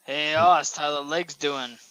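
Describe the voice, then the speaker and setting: A man's voice: a little high, fairly even intonation, unhurried, pushed and bright, dry recording, low-quality recording. A man playing a tabletop game with casual, joking table talk.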